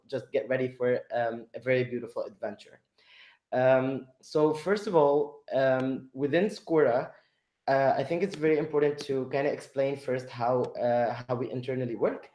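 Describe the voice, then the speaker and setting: Hesitant male webinar host, mellow tone. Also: medium pitch. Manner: hesitant, many fillers. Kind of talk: online webinar presentation. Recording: echoey room.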